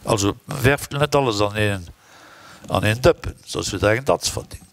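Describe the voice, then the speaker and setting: A man's voice: on the low side, expressive, moderate pace, slight background noise. A man speaking in an opinionated, conversational way during a conference discussion. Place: conference hall.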